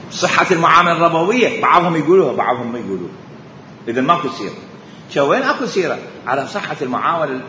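A man giving an animated lecture on Islamic jurisprudence, asking rhetorical questions and repeating key points. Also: mid-range voice, background noise. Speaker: religious scholar teaching jurisprudence. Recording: echoey hall, dull lo-fi sound.

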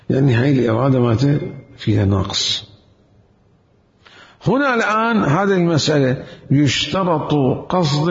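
Gravelly-voiced man lecturing in a hall. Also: mid-range voice. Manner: lecturing with rhetorical questions and emphatic repetition. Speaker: seminary teacher. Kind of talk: Islamic jurisprudence lecture. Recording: echoey hall, dull lo-fi sound.

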